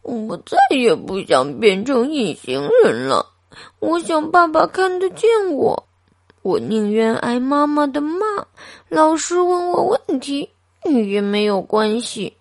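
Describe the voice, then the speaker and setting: Woman doing a high, tearful little boy. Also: slow pace, darkish tone. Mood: tearful, pleading. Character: invisible little boy, lonely and desperate.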